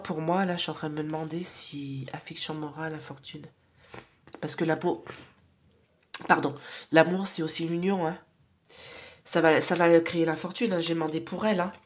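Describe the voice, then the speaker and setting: Low-voiced nasal woman reading cards. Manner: rambling, many fillers and tag questions, drops to whispers while drawing cards. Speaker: psychic card reader. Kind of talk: casual oracle card reading to viewers.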